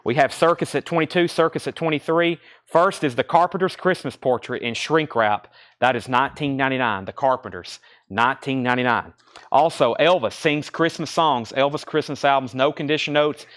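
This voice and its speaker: A man's voice: medium pitch, brisk, a bit bright. A man hosting a live record sale like an auctioneer, calling out items, prices, bids and names in unscripted sales patter.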